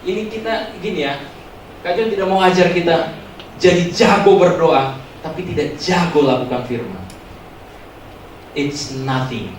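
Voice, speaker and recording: A man preaching a joking, animated youth sermon as pastor, acting out loud prayers, in a church hall recording heard from far off. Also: fairly high pitch, a little slow, long pauses, slight background noise.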